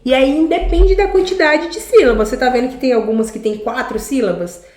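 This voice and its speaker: A woman's voice: high voice, fairly quick, a little mellow. A woman with a Brazilian Portuguese accent, a teacher giving a recorded grammar lesson, explaining step by step and often checking in with the class. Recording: echoey room.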